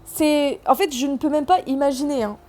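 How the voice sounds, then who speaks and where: A woman's voice: sits high, normal speed, a little mellow, soft background music. A South American woman who has lost her accent, giving a sarcastic, slangy film review in casual vlog style.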